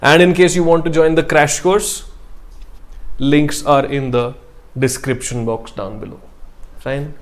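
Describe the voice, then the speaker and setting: A man's voice: a little high, fairly even intonation, measured pace, long pauses. North Indian man teaching online. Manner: mixes Hindi phrases into English; addresses students directly with short check-ins. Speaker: online exam-prep chemistry teacher. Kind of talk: casual live-stream class talk.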